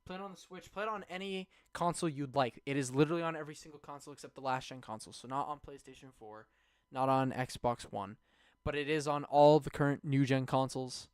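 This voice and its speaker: A man's voice: mid-range voice, quick pace, clear, resonant tone. A young man streaming, rambling enthusiastically through a casual game review, with many fillers and restarts. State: hiccuping.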